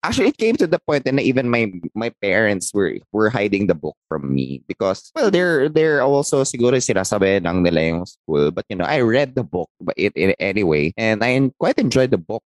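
A man in casual chat, speaking in a reflective, measured way and mixing English with Tagalog. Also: fairly low pitch, big pitch swings, no echo.

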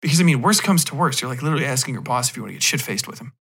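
A podcast host rants casually about a film, blunt, mocking and profane, acting out imagined dialogue as he retells scenes. His mid-range voice is rapid-fire with lively intonation, vocal fry, a slightly bright tone and a breathy edge. The rant rambles for comedic effect.

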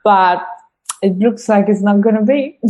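A woman's voice: mid-range voice, slow, warm tone. A woman from Spain with a Spanish accent, a guest chatting casually and laughing often. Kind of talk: casual chat.

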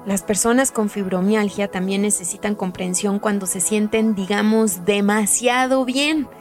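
A woman hosting and narrating a podcast in a calm, measured, explanatory way. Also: medium pitch, faint music behind. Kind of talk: scripted narration.

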